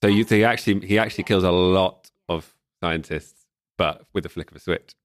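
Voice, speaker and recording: A man's voice: sits low, fairly quick, dry recording, studio quality. A man in casual podcast conversation, thoughtfully picking apart a film's themes with frequent restarts. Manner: thoughtful, analytical, many restarts. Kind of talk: casual film discussion.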